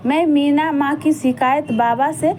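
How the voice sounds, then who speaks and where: A woman's voice: high voice, fairly even intonation, a little slow, darkish tone, a little hiss or hum. Woman doing a sad pleading little girl. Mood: plaintive. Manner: pleading, plaintive.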